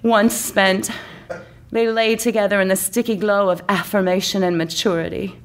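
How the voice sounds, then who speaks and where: With a flat delivery, a mid-range voice and normal speed, a woman reads her own comic story as narrator. Written as mock-romantic narration for a live comedy story night, it's florid and mock-serious in style.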